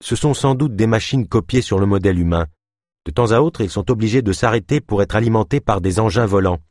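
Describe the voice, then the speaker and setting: A man reading the lines of a calm young male healer of about twenty, speaking steadily and evenly in an audiobook. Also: lowish voice, fairly quick, no echo, studio quality, close to an everyday voice.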